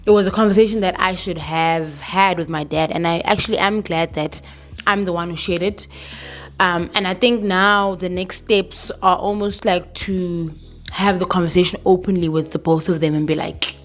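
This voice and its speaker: A South African vlogger in her thirties talks candidly to the camera in a casual vlog, code-switching into local words, swearing now and then, and laughing. Her voice is fairly low and steady at a moderate pace.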